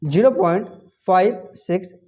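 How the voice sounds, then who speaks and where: A man teaching a lecture in a dark, mellow voice, tossing out questions and answering them in the same breath. He recites multiplication tables in a sing-song chant. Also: high-pitched, normal speed. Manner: call-and-response questioning, answering his own questions. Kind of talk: classroom lecture.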